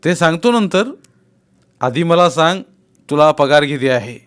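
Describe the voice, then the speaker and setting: A man's voice: on the high side, animated, measured pace, smooth, pitched above the performer's own voice. A man voicing a shrewd, persuasive male village politician who keeps pressing and teasing his friend in a read-aloud novel. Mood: coaxing, persuasive.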